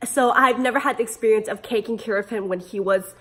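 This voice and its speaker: A woman presents a casual how-to pet video in a high voice. She sounds sick and hoarse, with a smoker's rasp, and keeps her delivery playful and animated. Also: fast. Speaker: pet care video host. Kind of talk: casual instructional vlog.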